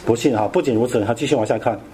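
A man's voice: mid-range voice, very fast, mellow, slight background noise. A man teaching a Bible study in a casual, conversational way, often asking his listeners questions.

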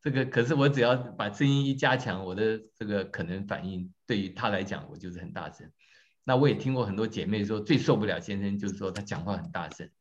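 A man teaching a church class, talking in a lively way, quizzing his audience and joking about himself. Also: fairly low pitch, quick pace. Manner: lively, questions the audience, tells jokes on himself. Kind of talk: interactive teaching talk. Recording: dull lo-fi recording.

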